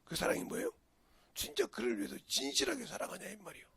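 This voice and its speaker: Gravelly older Korean pastor preaching. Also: male voice, very high voice, wildly swooping pitch, fast talker, pushed and bright. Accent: Jeolla Korean. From Jeolla region, Korea. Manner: folksy, storytelling preaching with sudden emphatic rises. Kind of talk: sermon.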